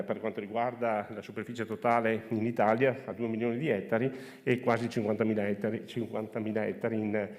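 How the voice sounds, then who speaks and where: A man's voice: mid-range voice, darkish tone. Man talking through a face mask, reverberant hall. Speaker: regional agriculture official presenting. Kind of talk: conference presentation with slides. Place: conference room with audience.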